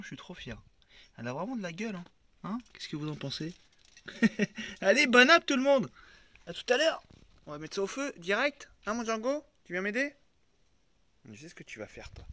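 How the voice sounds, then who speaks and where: A man's voice: high voice, pushed and bright. A man from France vlogging outdoors by a lake, chatting casually to his viewers and to his dogs. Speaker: van-life vlogger. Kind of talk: casual vlog chat.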